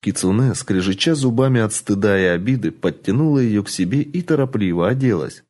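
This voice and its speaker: Dramatic male audiobook narrator, mellow tone. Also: lowish voice, fairly quick. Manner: expressive, dramatic storytelling.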